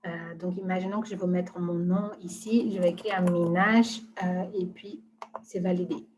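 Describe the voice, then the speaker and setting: A woman presenting software in a live webinar, talking casually with many hesitations and fillers. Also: on the low side, steady tone, moderate pace, background noise.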